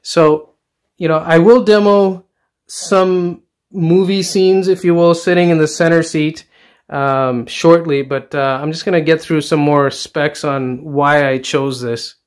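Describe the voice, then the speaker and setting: A man's voice: a little high, fairly even intonation, unhurried. A middle-aged man giving a casual, enthusiastic walkthrough of his basement home theater, with lots of fillers and restarts, recorded on a handheld camera. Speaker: home theater hobbyist vlogger. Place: dark basement home theater room, indoors.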